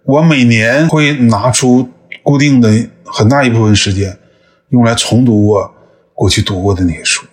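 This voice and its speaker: On a podcast, a guest from northeast China in his fifties answers interview questions thoughtfully, frequently hesitating. He speaks in a husky, mid-range voice at normal speed.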